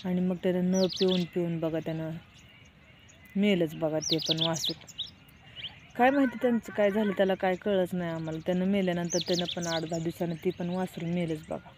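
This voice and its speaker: A woman's voice: lowish voice, steady tone, a little fast, background noise. A middle-aged woman, telling a story in a casual vlog. She speaks plainly and keeps turning to viewers with "look". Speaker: vlogger.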